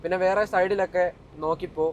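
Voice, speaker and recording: A man's voice: sits high, fairly even intonation, fast talker, slight background noise. A young Malayali man chatting casually to viewers in a driving vlog, mixing English words and slang into his speech. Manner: informal, repeatedly addressing viewers. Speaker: vlogger.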